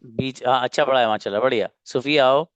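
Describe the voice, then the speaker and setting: A man teaching an online English class, calling on students by name and drilling each sentence slowly. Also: mid-range voice, no echo, lo-fi sound.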